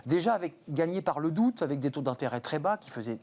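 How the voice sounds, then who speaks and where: A man hosts a business interview at a rapid clip. He steers the guest with brisk, leading questions. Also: a little high, animated, darkish tone.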